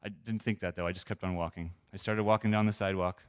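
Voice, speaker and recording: A man's voice: deep voice, fairly even intonation, fast talker, smooth. A man giving a personal testimony in a conversational, earnest and self-deprecating way.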